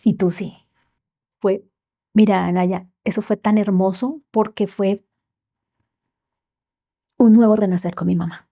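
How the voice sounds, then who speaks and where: A woman telling a personal story as a podcast guest, heartfelt and often dropping to soft near-whispers. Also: mid-range voice, fairly even intonation, a little slow, creaky, long pauses.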